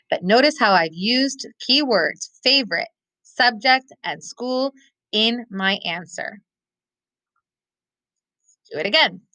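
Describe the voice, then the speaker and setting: A woman teacher giving a recorded lesson, thinking aloud step by step and slowing down to stress key words. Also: mid-range voice, bright, forceful tone, no room sound, rough recording. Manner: models thinking aloud, slows to stress keywords.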